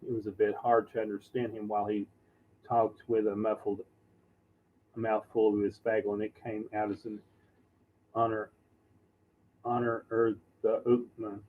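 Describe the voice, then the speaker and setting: A man reading a novel aloud in a halting, unpolished way, often stumbling and correcting himself. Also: fairly low pitch, level tone, phone-quality sound, a little hiss or hum. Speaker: reader. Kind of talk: amateur audiobook reading.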